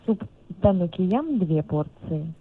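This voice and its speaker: A woman speaking over the phone as a restaurant order taker, polite and formal, with small hesitant pauses. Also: on the low side, sing-song, slight background noise. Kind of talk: customer service phone call, taking an order. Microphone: telephone. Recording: tinny, narrow phone line.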